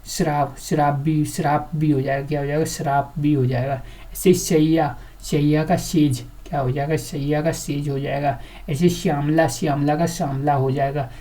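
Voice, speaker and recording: A woman with a low, mellow voice gives an exam-prep grammar lesson. She quizzes the class over and over and then answers her own questions. Each example word gets repeated several times. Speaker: teacher.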